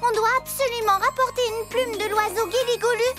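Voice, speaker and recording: A woman's voice: very high-pitched, steady tone, brisk. A woman voicing a brave, polite, caring little girl heroine in a children's cartoon. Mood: earnest. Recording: music behind the voice.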